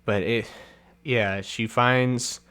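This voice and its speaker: A man's voice: medium pitch, steady tone, drawn-out words, a bit bright, clean tone. A man hosting a casual solo film review, chatty and laughing often, with many fillers and restarts.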